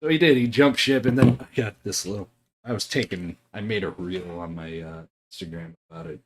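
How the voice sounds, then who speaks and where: A young man streams while hobby painting, telling stories in a laid-back way full of swearing and chuckles. His voice is lowish and brisk, with slight background noise.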